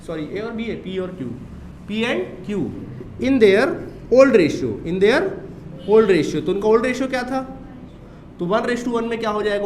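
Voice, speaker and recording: Indian male commerce teacher, high voice, echoey classroom with faint room hum; explains step by step and answers his own questions. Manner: asks rhetorical questions and answers them himself; explains step by step while writing on a board. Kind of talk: classroom lecture. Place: coaching classroom.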